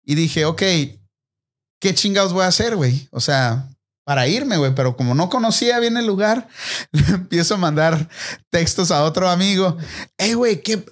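Young man, Mexican accent, high-pitched, animated storyteller on a casual podcast. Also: normal speed. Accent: Mexican Spanish. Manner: slangy, animated, acts out voices in anecdotes. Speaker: podcast host. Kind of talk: casual storytelling among friends.

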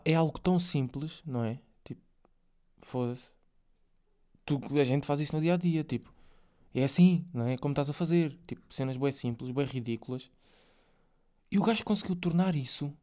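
Slangy young man with a dark voice. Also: mid-range voice. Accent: European Portuguese. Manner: rambling, slangy, full of fillers and swearing. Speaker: podcast host. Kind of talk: casual solo podcast monologue.

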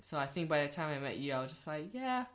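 Candid, animated young woman. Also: sits low, fast. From born in Rwanda, raised in South London. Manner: candid and animated, swears freely, repeats phrases for emphasis. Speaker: podcast guest, host's friend. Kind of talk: casual podcast chat.

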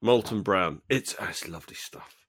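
A man's voice: low-pitched, normal speed, fairly bright tone, slight background noise. A man co-hosting a podcast in casual chat, giggly and enthusiastic with short reactions. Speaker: podcast co-host.

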